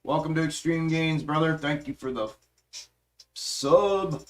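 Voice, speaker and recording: This stock market livestream host speaks at a measured pace in a slightly high voice. He grew up in western Pennsylvania and has spent his adult life in the South; profane, emphatic and restless, he reads the chat out loud, talks casually over his charts, and trails off mid-thought while working them.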